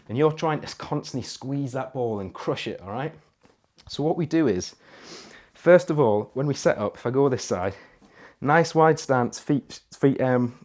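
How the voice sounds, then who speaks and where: A man leads a workout demonstration, talking through each move in a mid-pitched voice. He checks in with the listener after nearly every point and keeps the cues practical. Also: darkish tone. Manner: coaching with frequent "right?" and "okay?" check-ins; counts reps aloud while exercising. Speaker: fitness coach. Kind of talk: exercise demonstration.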